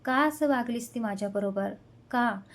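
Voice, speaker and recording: A woman reading the part of a passionate, quick-tempered young man in a spoken love story, with intense, heated delivery. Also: on the high side, lightly acted. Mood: angry.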